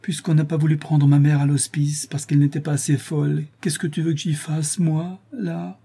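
A man's voice: a little high, little pitch movement, normal speed, vocal fry, dark tone, slightly rough, pitched above the performer's own voice. A man voicing a drawling, plaintive sick wife. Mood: bitter. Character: sickly feverish wife, bitter and plaintive.

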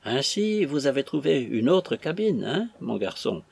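A man doing a calm stern sea captain. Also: medium pitch, a little slow, vocal fry, husky, no room sound, exaggerated voice.

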